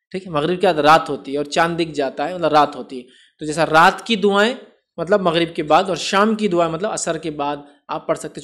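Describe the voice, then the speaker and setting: High-voiced man explaining religious rulings. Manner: explanatory, often checks understanding with "right?"; mixes English words into Urdu. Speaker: Islamic speaker answering viewers' questions. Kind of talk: religious Q&A lecture.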